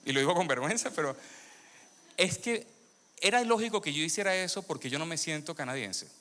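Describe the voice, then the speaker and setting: Slightly high, bright, and forceful, the man's expressive voice moves a little fast as he, a native of Venezuela, testifies in a sermon to a congregation. He questions his listeners and repeats phrases for emphasis beneath long hall reverb.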